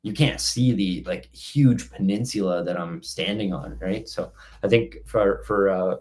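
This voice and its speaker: Low-voiced man rambling through a casual live chat. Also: unhurried, a little mellow. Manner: rambling, stop-start explanations. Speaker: outdoor vlogger hosting a live Q&A. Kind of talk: casual live-stream chat, reading out and answering questions.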